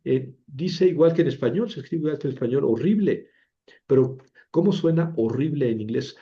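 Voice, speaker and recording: In an informal classroom lecture, a man teaches Biblical Greek in a chatty, self-mocking way, repeating words to drill their pronunciation. His mid-range voice moves fairly quickly, and the recording sounds muffled.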